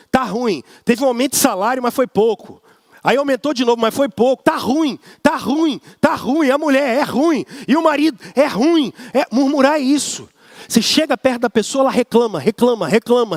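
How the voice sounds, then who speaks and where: A man's voice: very high-pitched, dry recording, clean studio sound. A man with a Brazilian accent preaching a sermon as pastor, emphatic and repetitive, often mimicking grumbling people. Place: church service.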